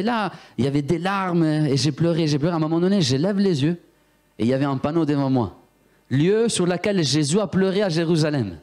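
This Italian man, whose first language is Italian, preaches a sermon woven with personal testimony in a slightly high voice. He's an animated storyteller who acts out different voices and addresses the congregation.

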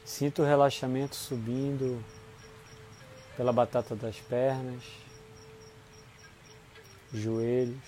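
A Brazilian man guides a relaxation in a dark, mellow voice of medium pitch. His delivery is soothing and unhurried, with short phrases set apart by long pauses. A light bed of insect and nature noise runs behind him. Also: level tone. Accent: Brazilian Portuguese. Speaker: guided meditation instructor. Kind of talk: guided body-scan relaxation.

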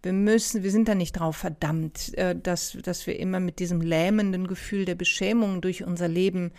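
A woman therapist speaking gently, with many pauses and restarts, asking the listener reflective questions. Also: on the low side, fairly even intonation. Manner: addresses listener directly with questions. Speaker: somatic experiencing therapist. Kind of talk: reflective coaching talk.

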